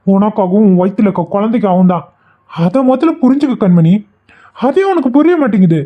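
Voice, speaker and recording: A woman voicing a patient young husband in a cartoon who reasons with his wife in a steady way. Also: mid-range voice, fairly quick, natural voice. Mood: reasoning. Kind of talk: cartoon voice acting. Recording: dull lo-fi sound.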